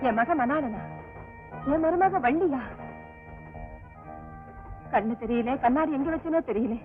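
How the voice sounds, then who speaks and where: A woman's voice: sits high, lively intonation, slow, soft background music. A fussy half-blind grandmother, tinny old film sound. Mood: puzzled. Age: older. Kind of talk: classic film dialogue.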